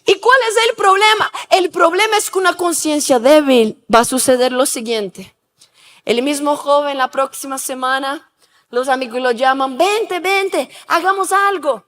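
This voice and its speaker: A woman's voice: high-pitched, steady tone, normal speed, a bit bright. A woman pastor preaching a sermon, telling stories and asking the congregation to repeat after her. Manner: asks rhetorical questions. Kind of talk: sermon with storytelling.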